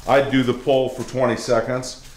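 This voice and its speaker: An older man coaching a band workout in a home garage, brisk and plainspoken, calling out cues and counts. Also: medium pitch, flat delivery, a little mellow. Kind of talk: casual instructional demo. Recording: roomy echoey garage.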